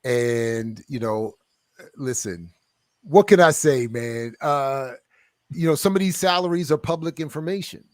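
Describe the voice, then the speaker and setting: A man's voice: medium pitch, lively intonation, measured pace, darkish tone, no echo, clean studio sound. A man guest, an author and scholar, answering interview questions with building passion over a video call. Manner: passionate, builds up and gets amped.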